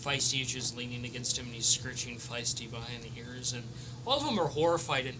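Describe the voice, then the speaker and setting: A man's voice: medium pitch, animated, a little fast. A man casually narrating a tabletop game as its game master, improvising as he goes. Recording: clear background noise.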